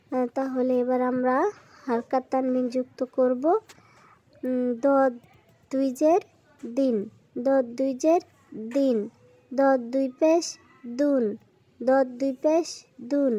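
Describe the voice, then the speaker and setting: A woman's voice: high-pitched, warm tone, no room sound. A woman teaching Quran reading to children in a voice-over lesson, patiently spelling out each syllable and repeating it. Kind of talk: slow spelling-drill lesson narration.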